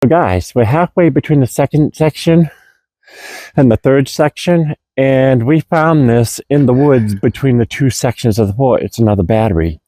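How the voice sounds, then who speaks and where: Mellow-voiced man giving a casual walkthrough. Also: medium pitch, moderate pace, dry recording. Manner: chatty, addresses viewers as folks and guys, many ums. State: out of breath. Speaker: host exploring an old fort. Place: outdoors at an old coastal fort.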